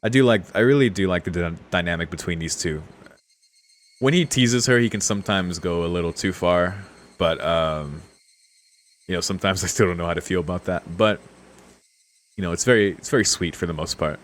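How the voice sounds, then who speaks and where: A deep-voiced man talks briskly while streaming a game, reading text aloud and tossing in casual, laid-back commentary in let's-play style.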